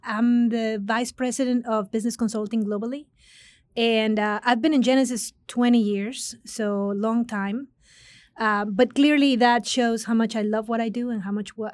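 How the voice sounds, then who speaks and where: A middle-aged Mexican woman, a business consulting executive appearing as a guest, speaks earnestly in a conversational interview and often restarts her words. Her voice is fairly high with a darkish tone, and there's no room sound.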